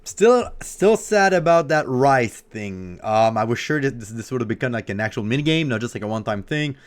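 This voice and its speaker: A man's voice: medium pitch, lively intonation, brisk. A man reacting on a stream, eager and rambling, repeating himself. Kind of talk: reaction commentary.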